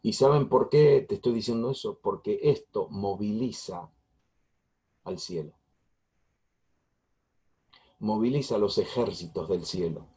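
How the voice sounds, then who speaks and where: Middle-aged male pastor, husky, low-pitched, preaching emphatically with lots of repetition. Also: unhurried, pauses often, dark tone. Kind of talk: sermon.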